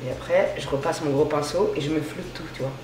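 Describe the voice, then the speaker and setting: A woman's voice: low-pitched, fairly even intonation, fairly quick, noisy background. A woman beauty vlogger chatting casually and gushingly through a makeup tutorial, full of slang. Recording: roomy echo.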